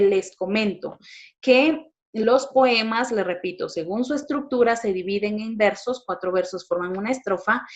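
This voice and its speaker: A middle-aged woman from Guatemala with a Guatemalan accent, teaching a lesson in a patient, explanatory way with frequent pauses and fillers. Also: medium pitch. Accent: Guatemalan Spanish. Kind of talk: classroom lecture.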